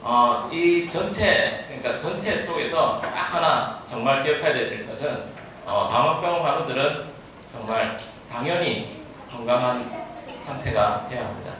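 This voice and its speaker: A man interpreting consecutively at a medical lecture, speaking haltingly, restarting phrases and dropping English terms into his sentences. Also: medium pitch, lively intonation, bright, forceful tone. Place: large echoing room at a talk. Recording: very echoey room, distant mic, faint noise.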